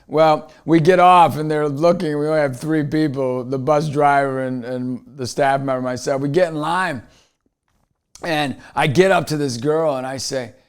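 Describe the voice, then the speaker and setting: A man's voice: fairly high pitch, steady tone, normal speed, smooth. A man, a motivational speaker, telling a personal story in an earnest way, often repeating words as he restarts a thought.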